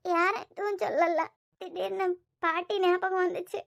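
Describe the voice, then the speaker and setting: A woman's voice: very high-pitched, steady tone, moderate pace, creaky, a bit bright, exaggerated voice. A woman voicing an anxious young wife in a cartoon, speaking in a plaintive, hesitant way with a Kanyakumari Tamil accent. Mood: troubled. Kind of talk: cartoon voice acting.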